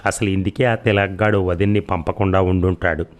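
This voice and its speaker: A man's voice: low-pitched, fairly even intonation, brisk, close to an everyday voice. A man reading the part of a greedy younger brother who talks his elder brother into a scheme, in an audiobook story. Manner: sly, persuasive.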